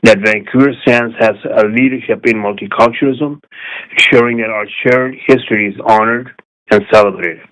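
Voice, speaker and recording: A man's voice: on the low side, steady tone, normal speed, a bit bright. A man calling in for a community society, formally reading a prepared statement with non-native grammar. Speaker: caller representing a community society. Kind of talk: prepared statement read by phone. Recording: phone line.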